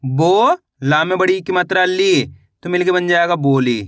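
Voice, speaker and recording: Man, reading teacher, high and bright voice, dry close sound, sounds out syllables slowly and deliberately. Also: no room sound. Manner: slow and deliberate, sounding out syllables then repeating each word. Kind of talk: spelled-out reading lesson.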